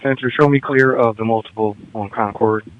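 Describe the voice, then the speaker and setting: A man's voice: on the low side, fairly even intonation, moderate pace, no echo. A man on a fire department two-way radio, giving clipped, matter-of-fact status calls. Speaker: fire unit officer on radio. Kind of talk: terse radio dispatch traffic. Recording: dull two-way radio transmission.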